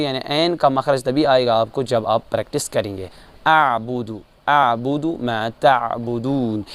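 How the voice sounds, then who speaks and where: A man with a Kashmiri accent teaching Quran recitation rules, explaining calmly and chanting each verse slowly, repeating sounds to correct mistakes. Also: mid-range voice, smooth. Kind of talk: tajweed lesson with chanted examples.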